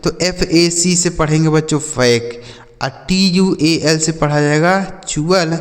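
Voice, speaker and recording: A man's voice: a little high, unhurried, in a large hall. A male English teacher gives a YouTube classroom lesson. He spells words out letter by letter and answers his own questions.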